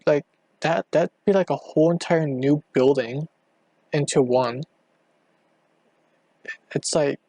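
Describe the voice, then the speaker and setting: A man with a medium-pitched voice, showing vocal fry and sounding a little mellow and husky, hosts his first solo podcast from home late at night. Using a cheap mic with no room sound, he wanders through a casual monologue, hesitating, restarting, leaning on fillers and often running out of breath.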